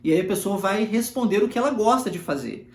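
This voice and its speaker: A teacher from Minas Gerais giving an online language lesson, modelling phrases slowly and repeating them for learners. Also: mid-range voice, expressive. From Minas Gerais, Brazil. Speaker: English teacher. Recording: echoey room.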